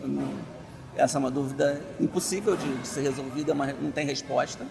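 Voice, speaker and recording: Gravelly man speaking emphatically. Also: mid-range voice, fairly even intonation, quick pace. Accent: Brazilian Portuguese. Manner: frustrated, emphatic. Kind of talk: casual interview.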